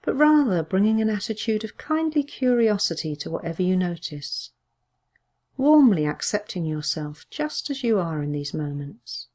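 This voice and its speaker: A woman leads a guided body scan meditation as a mindfulness teacher, her medium-pitched voice moving through big pitch swings. The delivery stays gentle, measured, and soothing, with pauses.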